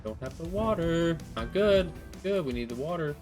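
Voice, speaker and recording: A gaming channel host with a slightly high, expressive voice talks himself through each move of a let's play at normal speed. He addresses his viewers in a friendly, direct way over background music.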